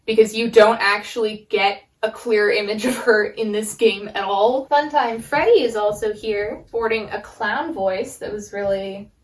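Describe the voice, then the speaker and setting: A woman hosting casual, comedic game lore commentary in an animated, sarcastic way with drawn-out emphatic words. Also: medium pitch, slight background noise. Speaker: video essay host.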